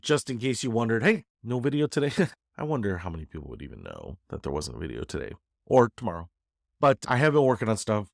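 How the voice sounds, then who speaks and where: A man's voice: on the low side, wildly swooping pitch, fast talker, vocal fry, darkish tone, no room sound, clean studio sound. A man congested from a head cold, giving a casual, rambling update to viewers in a joking, self-deprecating way. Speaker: YouTuber giving a channel update.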